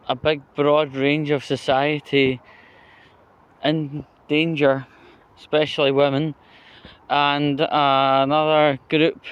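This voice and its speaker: A Scottish man, a vlogger, gives a rambling, conversational political monologue that is blunt, sweary, and opinionated, often checking in with tag questions. His voice has a fairly high pitch and a clear, resonant tone.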